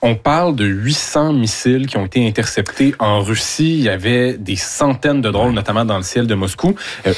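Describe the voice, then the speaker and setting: A man delivers a radio news update in a steady, informative way. His voice is fairly low. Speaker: news reporter. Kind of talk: news report on air.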